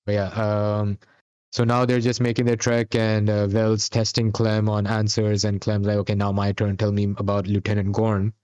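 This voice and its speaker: A man's voice: on the low side, completely flat delivery, moderate pace, darkish tone, clean tone, highs cut off. A man co-hosting a podcast, recapping a TV episode in a rambling, casual chat full of fillers and restarts. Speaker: podcast co-host.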